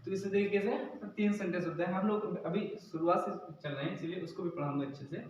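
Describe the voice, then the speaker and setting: A man's voice: high voice, quick pace, slight background noise. A man teaching an English grammar lesson in a classroom, explaining step by step and answering his own questions. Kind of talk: classroom lecture. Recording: echoey dull room sound from a distance.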